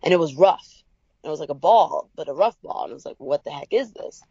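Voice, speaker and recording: A woman's voice: animated, brisk, mellow, breathy edge, dry recording, lo-fi sound. Upbeat woman telling her own story. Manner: upbeat storyteller, acts out quotes with big pitch jumps. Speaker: interview guest. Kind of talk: personal story in a podcast interview.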